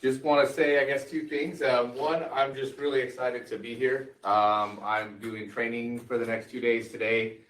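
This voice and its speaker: A new board member, a man, giving earnest thanks in a halting way, with many ums. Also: medium pitch, steady tone, a bit bright. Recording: echoey room, distant mic.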